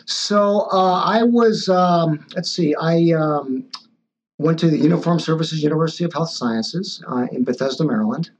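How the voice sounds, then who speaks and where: The guest is a man in his sixties, a physician born in Taiwan and raised in Los Angeles, whose slightly high voice moves at a normal speed. His answers come out hesitantly, full of fillers and restarts, over a dull lo-fi recording.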